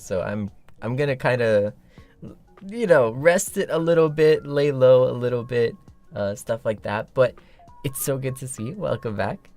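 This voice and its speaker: A man hosting a casual livestream, rambling playfully with a slightly rough morning voice. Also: mid-range voice, a little mellow. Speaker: livestream host. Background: background music.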